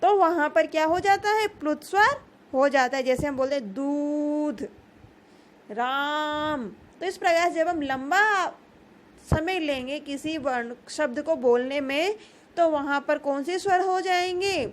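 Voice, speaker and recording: A woman's voice: high voice, a little slow. A woman teaching a grammar lesson, patiently repeating key terms and asking questions that she then answers herself.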